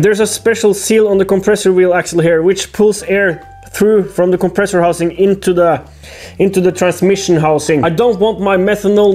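A man hosting a workshop vlog, explaining things to camera in a measured, casual way. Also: high voice, darkish tone. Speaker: host of a workshop build vlog. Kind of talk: casual scripted narration to camera. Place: workshop room, indoors. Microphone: lapel mic. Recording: music behind the voice.

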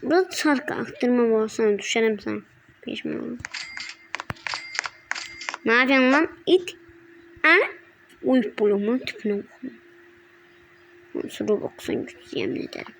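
Excitable high-voiced gamer woman. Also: unhurried, creaky, pauses often, noisy background. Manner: excitable, breaking into high yelps and repeated shouts. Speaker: gaming channel host. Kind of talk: casual gameplay commentary.

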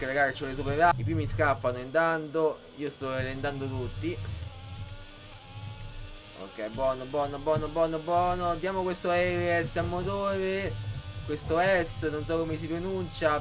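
A young man, excitedly commentating his own racing game to viewers. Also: a little high. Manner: excitable, talks to viewers as raga. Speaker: gaming youtuber.

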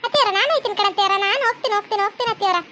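Woman doing a squeaky young daughter-in-law. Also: very fast, noisy background. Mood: coaxing. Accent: North Karnataka Kannada. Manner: whiny, stubborn, coaxing. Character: stubborn sweet-talking young daughter-in-law. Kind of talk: cartoon comedy voice acting.

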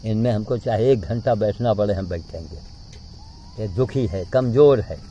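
A man's voice: on the low side, moderate pace, dark tone, a little hiss or hum. A man talking casually outdoors while feeding monkeys, coaxing them with repeated calls. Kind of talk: casual outdoor vlog chat.

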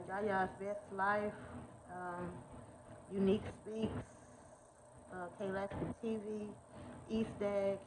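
A vlogger in her thirties, a mother of twins, chats casually with viewers in a mid-range voice, dropping lots of ums and y'alls. She films on a phone at arm's length, first indoors at home and then walking outside, and the recording is noisy with ambient sound.

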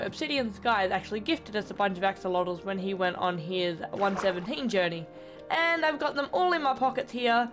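A young woman who hosts a gaming channel chats upbeat and casual as she plays, narrating each step in a fairly high, fairly bright voice. Faint background music plays.

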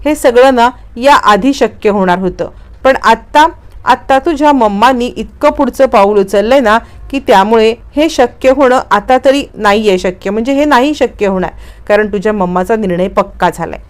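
A woman voicing a calm, caring husband and father in a story recap, with a gentle, reassuring manner. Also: a little high, moderate pace, close to an everyday voice. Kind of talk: read-out dialogue in a story recap.

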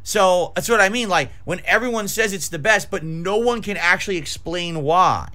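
A man's voice: high voice, normal speed, bright, forceful tone. A man in his forties ranting combatively to his livestream viewers, emphatic and profane, hammering points through repetition. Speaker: variety game streamer. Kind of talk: livestream rant to chat viewers. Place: small decorated home streaming room, indoors. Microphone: close desk microphone with pop filter.

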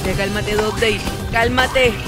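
A woman hosting a video game playthrough, giving excited commentary and talking straight to her viewers. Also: medium pitch, takes it slowly, over loud music. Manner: animated, exclamatory, talks straight to viewers. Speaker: gaming video host.

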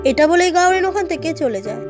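Very high, fast-talking woman narrator. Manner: brisk, even storytelling. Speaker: film recap narrator. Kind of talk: storytelling film recap. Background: faint background music.

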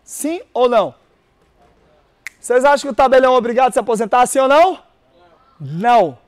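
Male teacher with a very high voice, energetic lecturer who keeps quizzing the room. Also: fairly quick. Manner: energetic, repeats key words, quizzes audience. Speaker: exam prep teacher. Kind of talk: live-streamed lecture with call-and-response.

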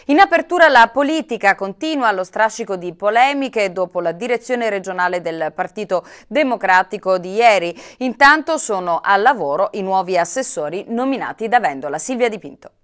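A woman news anchor presenting the bulletin in a clear, formal delivery. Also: medium pitch, lively intonation, normal speed, hardly any pauses, fairly bright tone.

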